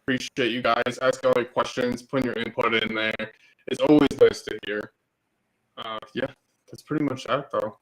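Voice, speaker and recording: A man's voice: medium pitch, steady tone, moderate pace, fairly bright tone, poor audio. A man co-hosting a podcast remotely, speaking in a laid-back, slangy way and saying "dude" and "you know" a lot. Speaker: podcast co-host. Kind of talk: casual chat over a call.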